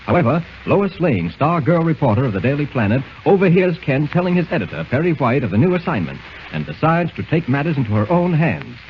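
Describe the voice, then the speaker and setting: A man narrating a 1940s radio serial in a measured storytelling way, heard through an old, dull, faintly hissy radio transcription. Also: on the high side, sing-song. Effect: old 1940s radio broadcast sound.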